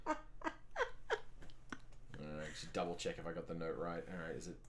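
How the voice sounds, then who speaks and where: A man's voice: sits low, flat delivery, moderate pace, noisy background. A man hosting a let's play, chatting casually, joking and thinking aloud as he plays. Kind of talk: casual gameplay chat.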